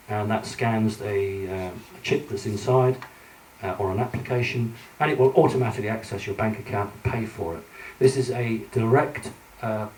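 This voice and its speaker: A man's voice: on the low side, a little mellow, a little hiss or hum. A man giving a conference lecture from slides, earnest and hesitant with many fillers. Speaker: conference speaker. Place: conference hall. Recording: echoey hall, mic at a distance.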